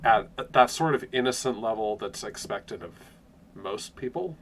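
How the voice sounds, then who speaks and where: A man's voice: fairly low pitch, animated, unhurried, a bit bright, slight background noise. A man running a tabletop game, chatting out of character in a musing, hedging way and laughing often. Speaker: game master.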